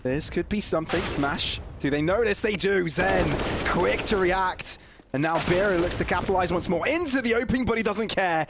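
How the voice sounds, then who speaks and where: High-voiced excitable esports caster, man. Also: a little fast, background noise. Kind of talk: play-by-play commentary.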